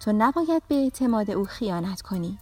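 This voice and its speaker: A woman voicing a patient mother in a children's storybook reading, speaking gently and instructively. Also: medium pitch, animated, soft background music, natural voice. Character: patient mother teaching her children fairness.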